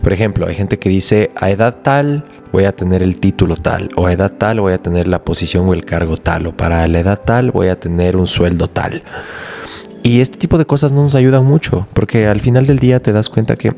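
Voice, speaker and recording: A man's voice: low-pitched, a little fast, gravelly, dark tone, soft background music. A man hosting a solo motivational podcast, talking earnestly and emphatically, sometimes repeating words while he looks for the phrase. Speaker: podcast host.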